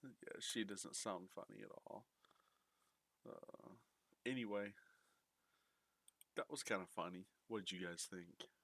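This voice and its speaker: Deep-voiced laid-back male streamer. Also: slow, gravelly, pauses often, slight background noise. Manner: laid-back, thinking out loud. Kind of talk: casual chat to viewers.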